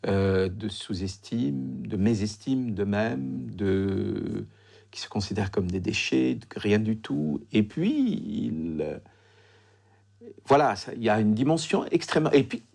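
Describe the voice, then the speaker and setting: A man with a husky, creaky voice explaining as an expert in an interview, searching for words and restating. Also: fairly low pitch, a little slow, a little mellow.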